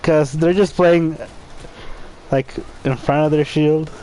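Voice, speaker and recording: A man co-casting a live esports match in a relaxed, conversational way. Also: fairly high pitch, slow pace, a little hiss or hum, low-quality recording. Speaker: co-caster. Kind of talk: live game commentary.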